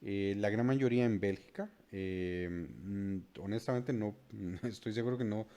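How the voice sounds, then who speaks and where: A Costa Rican man hosting a beer show, explaining brewing history in a halting way full of filler sounds. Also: on the low side, dark tone. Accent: Costa Rican Spanish. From Costa Rica. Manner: hesitant, many filler sounds.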